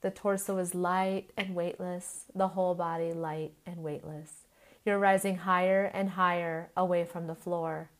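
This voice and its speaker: With a fairly low voice, a woman guides a yoga nidra relaxation, soothing like a sleep story narrator. She speaks in short, measured phrases separated by long pauses.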